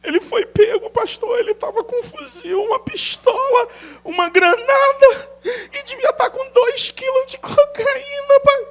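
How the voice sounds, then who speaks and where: A weeping, distraught middle-aged mother, as a preacher puts her on, wailing in a thin falsetto far above a man's usual voice. Her Rio de lilt breaks into sobs as she drags her words out slowly. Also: steady tone. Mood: tearful. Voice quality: high wailing falsetto, tearful.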